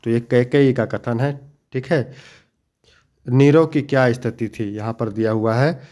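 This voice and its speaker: A young man teaching an exam-prep lesson, explaining each answer step by step, slowing down to stress key points and calling his students dear children. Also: medium pitch, mellow. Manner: explains each answer step by step, then reads the next question; addresses students fondly.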